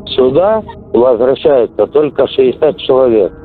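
A man's voice: medium pitch, lively intonation, normal speed. A man, a soldier at the front, talking bluntly and with swearing on a casual call home, heard over a radio intercept. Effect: heard over a radio or intercepted phone line. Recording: tinny phone-like intercept, music laid over.

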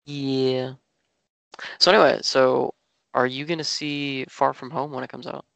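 A man's voice: mid-range voice, fairly even intonation, measured pace, gravelly, fairly bright tone, dry recording. A man co-hosting a podcast in casual chat, teasing and sarcastic, swearing freely. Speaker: podcast co-host.

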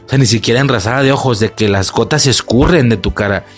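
A young man with a Mexican accent, excitedly retelling a story in slangy, profane casual talk and acting out his own shocked reactions. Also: medium pitch, fast, faint music behind. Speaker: vlogger.

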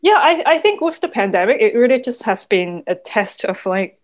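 A podcast guest whose first language is Cantonese talks in a slightly high voice with big pitch swings at a moderate pace. Her reflective conversation is thoughtful and soft-spoken, marked by many "like" fillers and quiet laughs.

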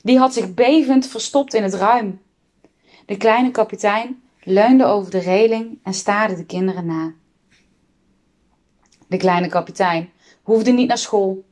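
A woman's voice: medium pitch, a little slow, long pauses. Woman reading a children's book aloud. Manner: expressive, voices the characters. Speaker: reader.

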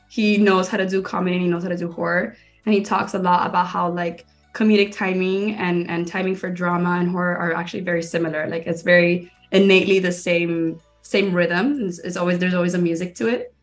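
A young woman from Miami talks in a relaxed, rambling way in an interview, leaning on "like" as she goes. Her voice sits a little low. A faint bed of music plays under her. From Miami, Florida. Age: young adult. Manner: chatty, lots of "like" fillers. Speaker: guest filmmaker and stand-up comedian. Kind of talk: casual interview chat.

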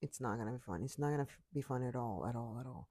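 A woman's voice: extremely low pitch, fast, warm tone, slightly rough. A tired woman giving an earnest, repetitive motivational talk into her computer mic.

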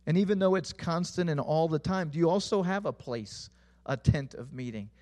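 A man preaches a sermon in an earnest, searching way, his voice a touch higher than most men's. He asks his listeners questions, and his phrases often sink low and quiet at their ends. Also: moderate pace. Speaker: pastor.

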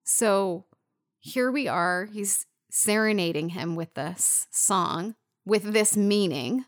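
A woman's voice: mid-range voice, takes it slowly, no room sound. A woman from Las Vegas co-hosting a podcast, casually talking through a film scene, emotional and close to tears. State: crying. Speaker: podcast co-host.

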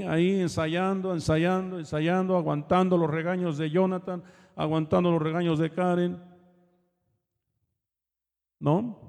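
A man's voice: fairly high pitch, creaky, warm tone, in a large hall. A man preaching a sermon in a casual, conversational way, often checking in with his congregation. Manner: colloquial, asks the congregation "¿verdad?" often. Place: church hall.

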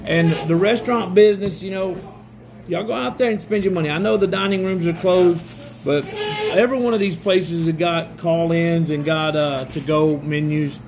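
High-voiced joking podcast host, crowd behind. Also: male voice, moderate pace. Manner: loose, joking, laughs often. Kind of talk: casual podcast banter. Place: room with other people.

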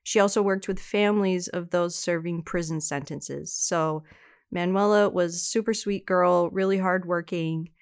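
A woman co-hosting a casual true-crime podcast, chatty, telling the story with quick asides. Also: fairly low pitch, steady tone, clear, resonant tone. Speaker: podcast co-host.

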